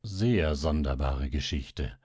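A man doing a hushed, timid assistant. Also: a bass voice, expressive, takes it slowly, slightly rough, dry recording, clean studio sound, voice pushed down, exaggerated voice. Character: shy, sly older male assistant.

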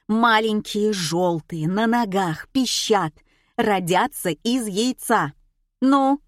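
A woman's voice: medium pitch, slow pace, dry recording, clean studio sound, natural voice. A woman voicing a flustered female radio quiz host who squeals and lectures, in an audiobook. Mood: exasperated. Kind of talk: audiobook character voice.

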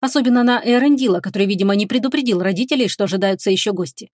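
A woman reading a fantasy novel aloud as audiobook narrator, in a measured, expressive manner. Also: mid-range voice, dry recording, clean studio sound.

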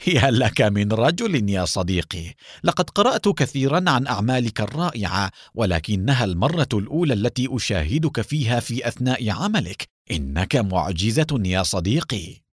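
A man's voice: fairly low pitch, sing-song, a little fast, breathy edge, dry recording, studio quality. A man voicing a hearty, admiring sidekick. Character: jovial man, admiring forger friend.

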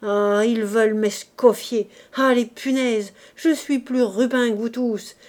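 Woman voicing a hoarse, delirious drunkard screaming. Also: expressive, a little slow. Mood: raging. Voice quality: hoarse, frantic shouting. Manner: loud slangy outbursts, raised pitch. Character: delirious drunken working-class man, raving in terror. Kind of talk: audiobook character voice.

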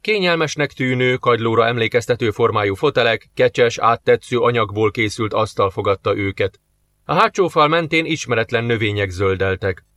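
A man narrating an audiobook in an even, measured reading voice. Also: mid-range voice, no echo. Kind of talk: scripted narration.

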